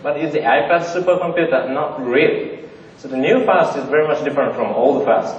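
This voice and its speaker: Speaking a little high and fairly quickly, a conference presenter addresses an audience in a large theater. His talk is joking and simply phrased in non-native English, with lots of fillers. It's a distant audience recording that sounds dull and roomy.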